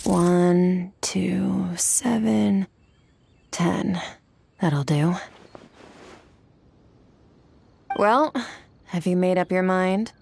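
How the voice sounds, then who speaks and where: A woman voicing a cool, curt young swordswoman in a video game, deadpan, terse and imperious. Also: fairly low pitch, extremely slow, gravelly, a little hiss or hum, full character voice. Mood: detached.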